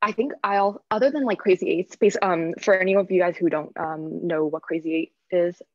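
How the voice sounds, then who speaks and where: A woman's voice: fairly low pitch, normal speed, no echo. A woman in her twenties presenting a workshop casually and chattily over a video call, with muffled audio. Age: 20s. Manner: informal, chatty.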